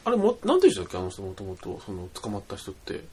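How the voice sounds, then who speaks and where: Quick lively-voiced co-host, faint hiss. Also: male voice, sits low. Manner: agreeable, asks questions, quick laughs. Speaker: podcast co-host. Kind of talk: casual chat.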